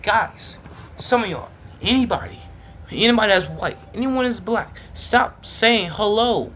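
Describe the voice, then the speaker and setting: Male reaction host, exasperated and repetitive, slightly high voice. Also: fairly bright tone, slight background noise. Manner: exasperated, repetitive, talks straight to viewers. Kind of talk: casual reaction commentary.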